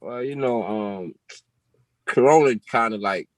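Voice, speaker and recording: A Jamaican-accented musician in his twenties chats as a guest on an interview show, medium-pitched and a little slow, with no echo. He's laid-back and slangy and laughs often.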